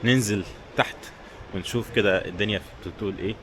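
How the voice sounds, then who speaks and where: This travel vlogger speaks quickly in a voice on the low side, with an Egyptian Arabic accent. Walking outdoors in town, he chats to camera in a casual, informal way that speaks directly to viewers, against clear street and traffic noise.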